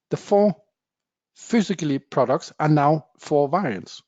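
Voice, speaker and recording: In dull, dry webinar audio free of room sound, a male software presenter with a voice on the high side gives a demo. He explains in plain terms, with frequent "uh" fillers and non-native phrasing.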